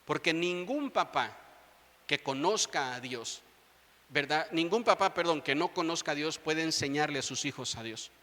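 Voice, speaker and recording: A man's voice: on the high side, expressive, normal speed, bright, forceful tone. A man in his thirties preaching a sermon as pastor, appealing directly to his congregation with rising fervor. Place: large church hall. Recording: long church reverb.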